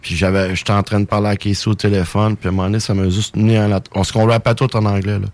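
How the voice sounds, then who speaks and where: A low, gravelly man speaks with a Québécois French accent. He talks casually and speeds up in animated bursts as he tells his stories. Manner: animated, quick bursts when telling stories. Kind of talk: casual chat.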